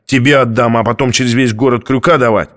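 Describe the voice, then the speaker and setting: A man's voice: medium pitch, fairly even intonation, fast, a bit bright, pitched above the performer's own voice, natural voice. A man reading an audiobook, voicing a desperate, irritable man who pleads and snaps. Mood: furious. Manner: snapping, pleading, muttering.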